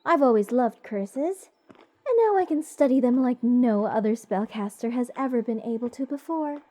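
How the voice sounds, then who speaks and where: Her pitch is fairly high, expressive, and dark in tone. In a rambling, whimsical fantasy ASMR roleplay aimed at the listener, this voice actor portrays an eccentric mage besotted with cursed creatures, gushing slowly and dotingly with theatrical whimsy. She comes across as dreamy and fond.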